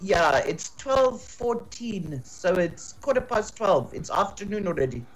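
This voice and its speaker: A woman's voice: medium pitch, big pitch swings, measured pace, low-quality recording. A woman speaking casually as a guest on a radio show. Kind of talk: casual chat. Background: music.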